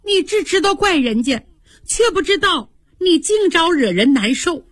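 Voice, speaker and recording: A woman voicing a quick-tempered, sulky young noblewoman who speaks in a petulant, cutting way, in a radio storytelling. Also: extremely high pitch, very animated, no room sound, clean studio sound, voice pushed up, full character voice. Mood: teasing.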